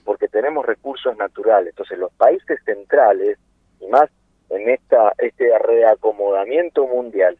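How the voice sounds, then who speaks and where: A man's voice: lowish voice, measured pace, slightly rough, no echo. A man around sixty with an Argentine accent, speaking earnestly as a guest in a political interview, with many hesitations and rhetorical questions. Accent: Argentine Spanish. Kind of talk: impassioned political phone interview. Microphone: telephone. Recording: tinny dry phone line.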